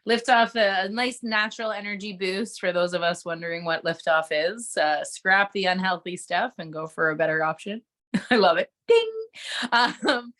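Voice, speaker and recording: Bright-voiced enthusiastic woman host. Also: medium pitch, moderate pace. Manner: enthusiastic, warm interviewer with rambling questions. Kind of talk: casual interview chat.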